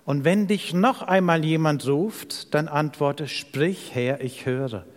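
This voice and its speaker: A man playing the old priest Eli, speaking in a gently dismissive, fatherly way, with long reverb around him. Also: a little high, slow pace. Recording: reverberant hall.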